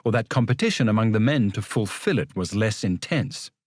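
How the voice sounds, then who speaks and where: Guy narrating a novel, fairly low voice, really animated delivery, scripted storytelling. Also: brisk, dry recording, clean studio sound. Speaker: audiobook narrator.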